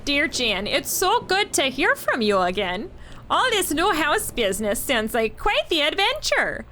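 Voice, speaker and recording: A woman's voice: high voice, wildly swooping pitch, measured pace, bright, forceful tone, a little hiss or hum, voice pushed up, exaggerated voice. A woman voicing a chatty middle-aged woman in a video game, reading her friendly letter aloud in a gossipy, sing-song way.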